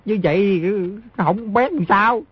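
Male actor as a cunning young boy, high, shrill fake sobbing, husky, dull dry audio. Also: takes it slowly, no room sound, full character voice. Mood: fake wailing. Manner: fake wailing, whiny. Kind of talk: audiobook character voice.

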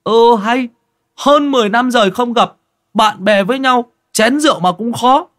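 A man doing a loud jolly village man. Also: extremely high pitch, moderate pace, no room sound, studio quality, voice pushed up. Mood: boisterous. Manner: shouting, excited and jolly. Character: loud boisterous village man in his thirties.

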